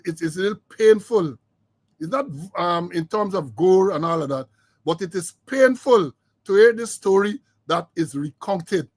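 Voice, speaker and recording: A man's voice: high voice, dry recording. An older man hosting a talk show, emphatic and given to repeating his words. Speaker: host. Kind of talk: casual chat.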